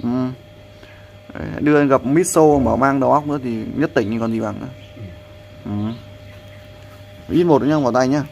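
A man's voice: medium pitch, normal speed, creaky, pauses often, darkish tone, highs cut off, a little hiss or hum. A man, a vlogger who talks in a rambling way to his viewers and coaches a friend as they cook outdoors. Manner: rambling, repeats "there" often, coaching someone. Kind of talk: casual vlog narration and instructions.

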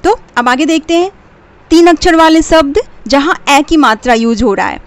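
High-voiced woman teaching Hindi letters. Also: expressive. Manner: patient, spells sounds out slowly; mixes English phrases into Hindi. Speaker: teacher of a children's channel. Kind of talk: instructional talk to parents.

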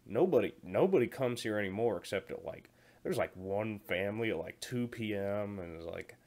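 Lively intonation marks this man's lowish, darkish voice, delivered at a normal pace. The skit performer rambles as a heartless 40-year-old male security guard on the night shift, stuttering and repeating himself in slang over a comedic phone call.

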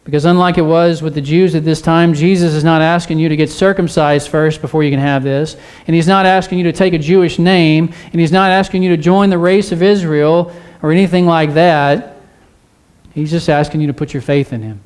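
With a fairly high, clear, resonant voice, darkish in tone and fairly even in intonation, a male pastor delivers a brisk sermon in church. His earnest exhortation relies on repeated phrases and rhetorical questions aimed at the congregation.

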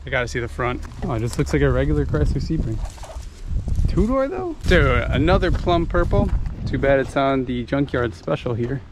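Young Midwestern man, offhand running commentary, filmed on an action cam outdoors, clear background noise. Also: medium pitch. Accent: American Midwest. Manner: offhand, muttering car names to himself. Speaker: car vlogger. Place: outdoor junkyard, later inside a car. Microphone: handheld action camera.

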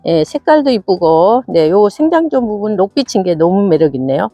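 A woman's voice: mid-range voice, very animated, moderate pace, no room sound. A cheerful woman from South Korea showing her succulents for sale, gasping and exclaiming at each plant. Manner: bubbly and cheerful, frequent gasps and exclamations. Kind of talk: casual product showcase. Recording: dull lo-fi sound with faint music.

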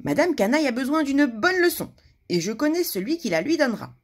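A woman's voice: on the high side, sing-song, a little slow, breathy edge, pitched above the performer's own voice, full character voice. A woman voicing a small, clever man from a children's storybook, confident and scheming.

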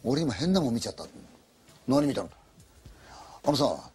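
A man's voice: medium pitch, big pitch swings, normal speed, a little mellow, slightly rough. Brief: spooked young man in a spoken ghost story, stammers, presses his point, as the storyteller puts him on. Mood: shaken. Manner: shaken, insistent, stammering. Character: frightened young man, a friend who saw a face.

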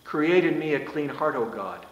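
A man in his sixties, a priest, preaching a sermon with animated gestures and rising and falling emphasis. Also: a little high, normal speed, muffled recording. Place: small church sanctuary, indoors. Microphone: far camera. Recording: echoey church room.

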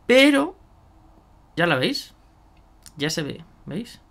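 A man's voice: high-pitched, very animated, slow, gravelly, a bit bright. A man chatting casually through a hands-on product demo, thinking aloud with fillers and asides to viewers. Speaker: miniature painting youtuber.

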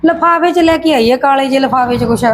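A woman's voice: sits high, fast, a little hiss or hum, natural voice. A young woman acting an overworked, complaining village woman in a short drama, chatty and grumbling, with a Malwa Punjabi accent. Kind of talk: amateur short-film acting.

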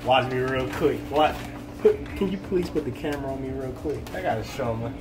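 A man's voice: animated, fairly quick, background noise. A man chatting playfully in a home kitchen while he cooks, jokey and upbeat. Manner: playful, jokey, with sudden high exclamations. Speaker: co-host, cooking learner. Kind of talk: casual cooking chat.

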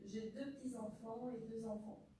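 A woman's voice: a little high, steady tone, normal speed, mellow. A woman in the audience putting short, hesitant questions to a medium at a live session. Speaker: audience member asking a question. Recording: echoey hall with a crowd.

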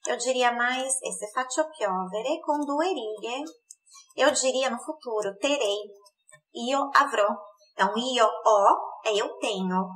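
A woman teaching an online Italian lesson in Portuguese, slowly repeating words for pronunciation. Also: on the high side, a bit bright, poor audio.

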